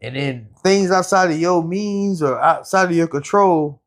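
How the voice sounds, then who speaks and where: A man co-hosting a podcast in casual chat, telling stories with lively sound effects. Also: high-pitched, measured pace. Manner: animated storytelling with sound effects. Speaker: podcast co-host.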